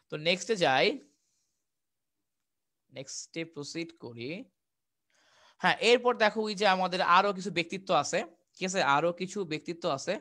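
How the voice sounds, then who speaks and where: A man's voice: a little high, bright, forceful tone. A young man from Bangladesh teaching a live online exam-prep class, chatty and repetitive, answering viewers' questions as he goes. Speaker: online tutor.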